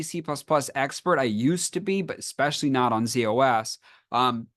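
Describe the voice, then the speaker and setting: A man's voice: medium pitch, a bit bright, no room sound, studio quality. A man giving an enthusiastic webinar talk on a video call, saying he is losing his voice. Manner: enthusiastic, explanatory. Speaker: conference speaker. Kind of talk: webinar presentation.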